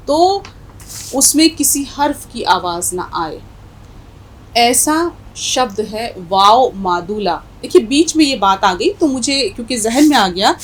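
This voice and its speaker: A woman with a North Indian Hindustani accent teaches Urdu spelling in a patient classroom manner. Her voice sits a little high and rises and falls a lot. She speaks slowly and repeats each example word. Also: a little hiss or hum, rough recording. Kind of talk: classroom language lesson.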